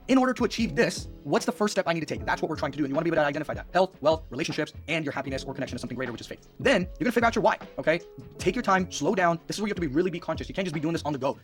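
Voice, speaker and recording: A young man coaching viewers through a worksheet, energetic and repeating questions to press his points. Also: on the high side. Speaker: life coach.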